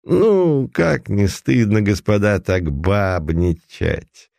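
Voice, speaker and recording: A teasing, carefree young dandy with a soft voice and a burred r, as a man reads him in an audiobook. He sounds pitched higher than a plain reading voice, and the sound is dry and close. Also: expressive, slow, gravelly, dry recording, exaggerated voice. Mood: cheerful. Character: mocking cheerful young male dandy.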